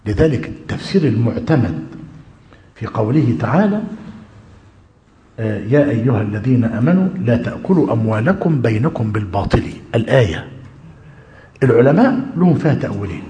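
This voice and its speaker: A man's voice: medium pitch, sing-song, brisk, pauses often, mellow, big-room sound. A man with an Egyptian accent teaching a religious lesson, switching between formal classical phrasing and colloquial talk and checking in with his listeners. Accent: Egyptian Arabic.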